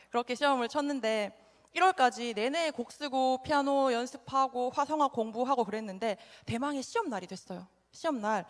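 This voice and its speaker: A young woman evangelist giving a conversational sermon to a youth group, chatting and asking the audience direct questions. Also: on the high side. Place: church hall. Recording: long hall reverb.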